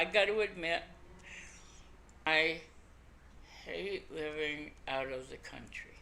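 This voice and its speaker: An older woman chats casually in a folksy, rambling way. Her speech is toothless, with the lips folding over the gums, and it comes slowly in a bright, forward tone. It is a home recording with some background noise. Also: low-pitched. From Canada. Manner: rambling, folksy, self-deprecating. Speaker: podcast host. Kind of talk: casual chat to camera. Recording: noisy amateur home computer recording.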